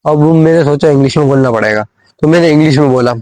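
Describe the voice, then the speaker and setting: A man's voice: on the high side, fast talker, a little mellow, no echo, low-quality recording. Young man telling a rambling comic story. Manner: rambling, repeats phrases, many fillers. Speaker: vlogger. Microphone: phone.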